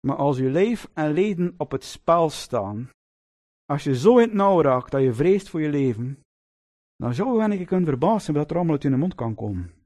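A man delivering a sermon in a high-pitched voice. His pitch swings widely as he tells the story, and he keeps drawing the congregation in with tag questions and fond asides. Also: normal speed. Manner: lively storytelling, addresses listeners with "lieve mensen" and tag questions. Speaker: preacher.

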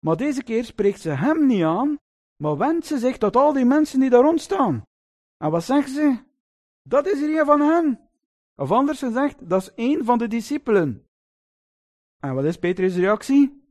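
A man's voice: very high voice, normal speed. A man preaching a sermon, telling the story vividly and often turning to his listeners with little questions. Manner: lively storytelling, addresses listeners with "lieve mensen" and tag questions.

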